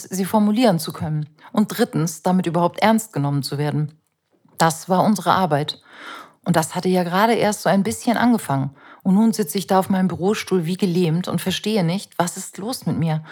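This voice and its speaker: A woman reading her own memoir aloud in a measured, introspective and anxious way. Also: fairly low pitch, darkish tone, slightly rough. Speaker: narrator.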